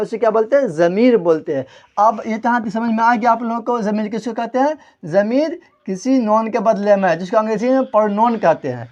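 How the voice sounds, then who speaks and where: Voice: mid-range voice, a little mellow. A grammar teacher giving a classroom lesson, repeating each point and quizzing the listeners before answering their own questions. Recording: dull lo-fi recording.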